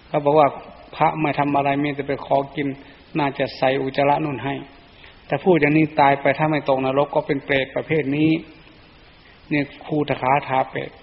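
Male monk, storytelling sermon, slightly high voice, muffled lo-fi recording. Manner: plain storytelling delivery. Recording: echoey dull lo-fi recording.

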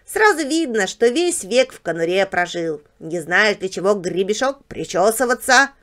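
A woman's voice: mid-range voice, sing-song, normal speed, a bit bright. A woman voicing a boastful, know-it-all male house dog who explains things in a patronizing way, read as a storybook character.

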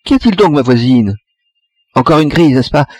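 A man voicing a gruff, bossy old woman neighbor who chatters on in a higher voice. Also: animated, moderate pace, darkish tone, no room sound.

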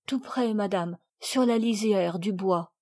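A woman's voice: mid-range voice, takes it slowly, warm tone, no room sound, clean studio sound. A woman voicing a poor, frail little girl who speaks politely and timidly in a raised childlike voice. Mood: meek, pleading. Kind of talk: audiobook character reading.

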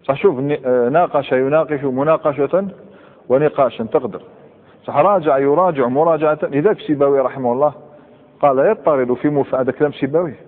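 A man with an Algerian Arabic accent teaching grammar in a classroom lecture, quizzing students and reciting verb patterns slowly. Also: mid-range voice. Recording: tinny, echoey hall recording.

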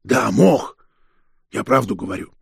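A man giving voice to a cowed ex-convict peasant who mutters his answers low and grudging, at times in a whisper. The voice is gravelly and husky, recorded close and dry for an audiobook. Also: lively intonation, unhurried, no echo, full character voice. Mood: muttering. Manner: muttering, grumbling, sometimes whispering. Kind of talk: audiobook character reading.

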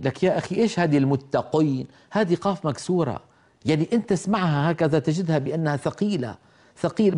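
A man teaching tajweed, explaining pronunciation rules and slowly demonstrating how verses should and should not sound. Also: a little high, a little mellow. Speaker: Quran recitation teacher. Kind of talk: tajweed lesson.

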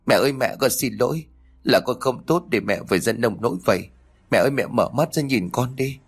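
A man voicing a devoted grown son in a spoken story, speaking earnestly and pleadingly, a bit above his narrating pitch. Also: animated, brisk, slightly rough, soft background music.

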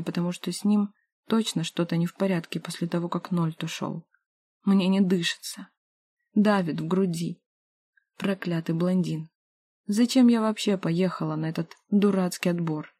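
A woman reads a first-person novel aloud, lively in the heroine's lines. Her voice sits low and mellow. The recording is close and dry. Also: moderate pace, slightly rough, no echo. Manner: expressive, voicing the heroine's dialogue. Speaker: audiobook narrator.

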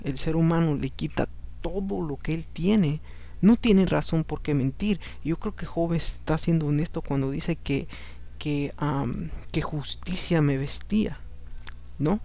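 Tired late at night, a podcast host and Bible reader whose first language is Spanish, with English second, reads scripture aloud. His voice is fairly high, darkish, with vocal fry, and he drops in conversational asides along with some English words.

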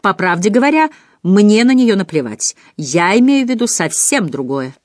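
A woman's voice: mid-range voice, very animated, moderate pace, no room sound, studio quality, voice pushed up, lightly acted. A woman voicing a resolute, friendly man, speaking firmly and reassuringly. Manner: firm, reassuring.

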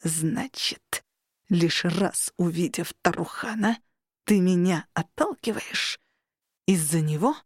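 A scheming male incubus from a fantasy audiobook hisses and purrs in a lowered voice, acted out by a woman reader. The sound is dry and close, with no room around it. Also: unhurried, gravelly, a little mellow, no room sound. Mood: menacing. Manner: hissing, low and menacing.

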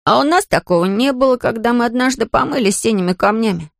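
A woman voicing a curious young boy in an audiobook, speaking slowly and drawn out. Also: a little high, steady tone, vocal fry, a little mellow, no echo, clean studio sound, voice pushed up.

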